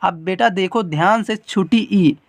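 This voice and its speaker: A teacher hosting a children's writing lesson, patient and repetitive, calling the viewer "beta" and dragging out letter sounds slowly. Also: mid-range voice, no echo, clean studio sound. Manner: drags out letter sounds slowly when demonstrating. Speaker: teacher and channel host.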